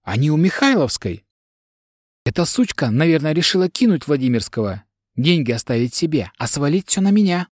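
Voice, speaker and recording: A man's voice: fairly high pitch, sing-song, brisk, no echo, clean studio sound, voice pushed up. A man voicing a flustered, defensive woman. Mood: indignant. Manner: agitated, self-justifying, tearful. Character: frightened, defensive middle-aged woman, a lecturer. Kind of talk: audiobook character dialogue.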